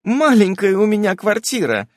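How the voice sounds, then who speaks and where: A man's voice: high-pitched, big pitch swings, normal speed, no echo, clean studio sound, voice pushed up. A man voicing a fussy, hospitable elderly aunt who coaxes guests to eat. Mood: fussing. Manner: doting, chatty, coaxing.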